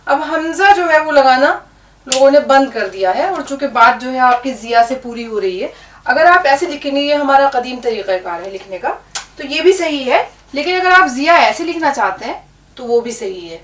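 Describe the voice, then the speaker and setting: A woman's voice: high-pitched, lively intonation, normal speed, fairly bright tone. A woman teaching an Urdu lesson, patiently spelling words out letter by letter. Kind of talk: language lesson. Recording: echoey room, distant mic.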